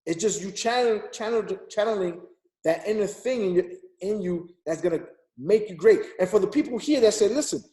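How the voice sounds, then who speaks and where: A man in his thirties gives a forceful, repetitive motivational speech over a group call, exhorting listeners as a preacher would. He speaks fairly quickly in a high, dark-toned voice with lively intonation, and the room sounds reverberant.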